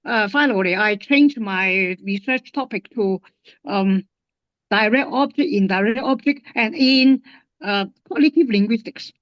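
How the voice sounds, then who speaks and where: Halting Hong Kong-accented woman. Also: mid-range voice, no echo, muffled recording. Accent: Hong Kong English. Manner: halting, many fillers and restarts. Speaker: guest linguist. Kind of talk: casual interview.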